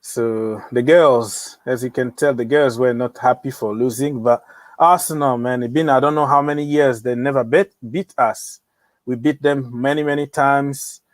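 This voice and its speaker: A man's voice: mid-range voice, steady tone, moderate pace, no room sound. A young man hosting a casual football livestream, joking around and talking straight to his viewers. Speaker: livestream host of a football channel.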